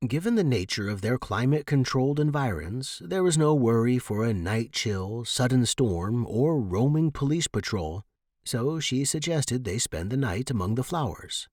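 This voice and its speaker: A man's voice: medium pitch, lively intonation, darkish tone, no echo. Dry, close male storyteller. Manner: measured storytelling, voices all figures. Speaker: audiobook narrator. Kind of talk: scripted narration.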